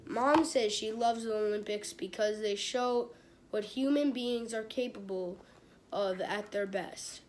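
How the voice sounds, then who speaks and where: A woman's voice: medium pitch, fairly even intonation, a little hiss or hum. A woman reading a children's book aloud, stopping and restarting phrases and turning aside to chat with her live audience. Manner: halting, with many restarts and repeated phrases. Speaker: read-aloud host.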